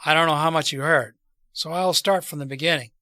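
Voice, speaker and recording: A man voicing an earnest, deliberate revolutionary plotter in a storybook read aloud. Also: a little high, sharp tone, dry recording, clean studio sound. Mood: earnest, explaining. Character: earnest male revolutionary plotter persuading wary allies.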